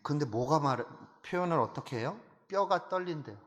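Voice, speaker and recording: A male pastor preaching an animated sermon, full of rhetorical questions and emphatic repetition. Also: on the high side, brisk. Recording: long hall reverb.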